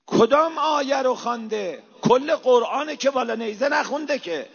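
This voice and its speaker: A man preaching an impassioned sermon, swinging between hushed low asides and loud, rising exhortations. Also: animated, vocal fry, slightly rough. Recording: reverberant hall, dull lo-fi sound.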